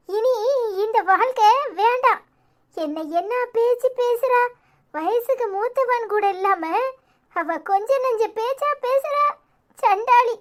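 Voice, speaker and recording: A woman voicing a sharp-tongued, dramatic middle-aged aunt in a cartoon, scolding loudly over the phone in a Tirunelveli accent. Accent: Tirunelveli Tamil. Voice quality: high, shrill. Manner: nagging, shouting at the phone.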